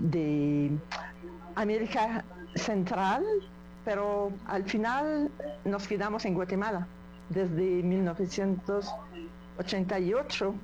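A woman's voice: on the low side, a little mellow, highs cut off. A woman from an aid association answering interview questions, hesitant with many fillers.

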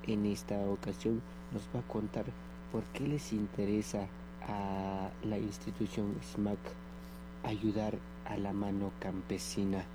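Man, field reporter, flat low voice, slow, noisy outdoor recording. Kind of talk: radio news report.

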